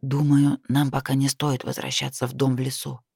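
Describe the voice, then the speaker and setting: A man reading an audiobook voices a calm, secretive male necromancer who speaks in a hushed, measured way. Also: mid-range voice, slightly rough, no room sound, studio quality, pitched below the performer's own voice.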